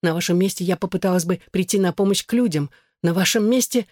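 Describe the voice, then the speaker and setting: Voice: medium pitch, fast talker, darkish tone, dry recording, clean studio sound, natural voice. A reader of an audiobook voicing a passionate, jealous woman who pleads and demands urgently. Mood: pleading, anguished.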